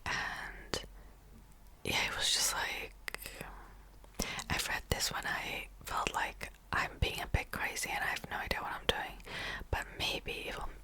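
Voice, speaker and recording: An ASMR creator, a woman whose first language is Czech and who is from the Czech Republic, whispers slowly. Her soft unvoiced whisper wanders along with little laughs as she wraps up an ASMR reading.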